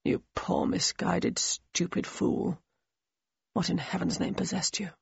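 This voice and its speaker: A woman narrator voicing a weary older male officer, muttering in a breathy half-whisper, her usual slightly husky tone slowed right down. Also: sits high, level tone, no echo, exaggerated voice. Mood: sorrowful. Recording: slightly muffled audio.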